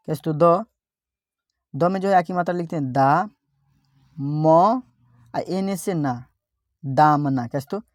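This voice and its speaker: A woman teacher, giving an online spelling lesson, sounding out letters slowly and repeating each word. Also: fairly low pitch, a little mellow, no room sound, clean studio sound.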